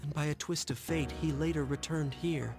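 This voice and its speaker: A young man voicing a calm, mysterious young figure in a video game, speaking in a measured, grave way. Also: fairly high pitch, natural voice. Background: game music.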